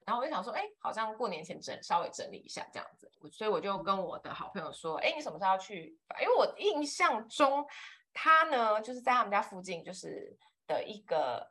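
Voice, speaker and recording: Animated fast-talking woman. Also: medium pitch. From Taiwan. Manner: animated rambling storyteller, many fillers. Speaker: podcast co-host. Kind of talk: casual chat.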